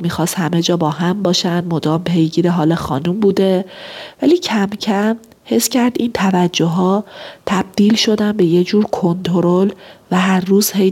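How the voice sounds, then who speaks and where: A woman's voice: lowish voice, darkish tone, breathy edge. A woman giving relationship advice, explaining principles and telling an example story.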